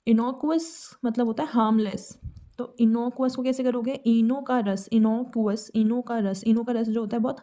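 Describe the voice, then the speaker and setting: Indian woman teaching vocab with memory tricks, warm mellow voice, a bit high. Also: fairly even intonation, moderate pace. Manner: explains with memory tricks and little acted scenes; mixes English words into Hindi. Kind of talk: casual explanatory lesson.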